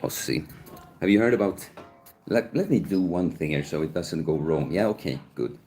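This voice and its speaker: A man's voice: sits low, moderate pace, a little mellow. A man, hosting a livestream and chatting casually as he muses aloud and answers viewer comments. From Sweden. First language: Swedish. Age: 30s. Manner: musing, chatty, answers chat questions aloud. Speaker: livestream host.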